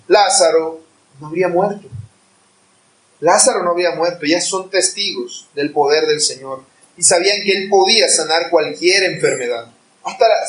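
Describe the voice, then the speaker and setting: Man preaching, earnest, impassioned, fairly high voice, roomy echo. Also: a bit bright. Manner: earnest, rising to impassioned pleading. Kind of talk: sermon. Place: church hall. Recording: echoey room, voice far from mic.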